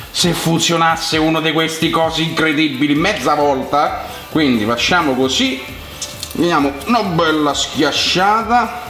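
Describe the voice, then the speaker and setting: Casting: young male cooking vlogger, Roman Italian accent, higher-pitched voice, chatty and colloquial, echoey kitchen. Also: sharp tone. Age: young adult. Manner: colloquial, chatty, addressing viewers directly. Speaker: cooking vlog host. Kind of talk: casual cooking demonstration to viewers. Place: home kitchen, indoors. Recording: echoey room sound.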